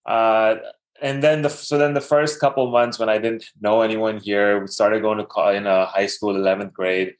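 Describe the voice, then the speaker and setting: A man's voice: lowish voice, steady tone, normal speed. A man in his thirties from Dubai, a podcast guest telling his life story casually, with many fillers and restarts.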